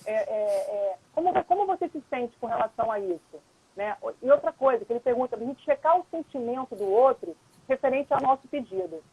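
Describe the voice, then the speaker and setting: A woman's voice: on the high side, expressive, brisk, slightly rough, dry recording. A woman lawyer and mediator, a guest on a live stream, explaining patiently in a casual chat and often checking in with the listener. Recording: dull lo-fi live-stream audio, dry.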